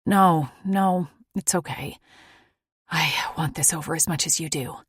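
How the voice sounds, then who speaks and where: A woman voicing a worn-out, frank young woman who talks in a breathy, wry way. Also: deep voice, measured pace, dry recording, clean studio sound, full character voice. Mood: weary, relieved.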